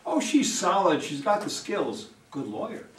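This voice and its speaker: A man with a high voice, big pitch swings, and an unhurried pace plays a brash, cynical, pushy campaign manager in an amateur play reading. He is blunt, wisecracking, and persuasive. The recording is distant and echoey, with faint noise.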